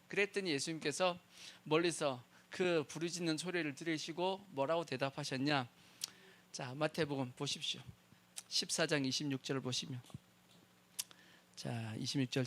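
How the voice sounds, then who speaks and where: A man's voice: fairly high pitch, fairly bright tone. A man preaching a sermon as pastor, who keeps asking the congregation questions and answering them himself.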